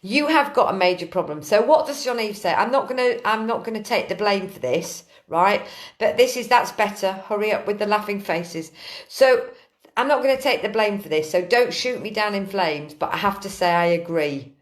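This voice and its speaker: A woman hosting a casual live-stream chat from her kitchen, ranting in an animated, earthy way. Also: medium pitch, normal speed. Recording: roomy echo.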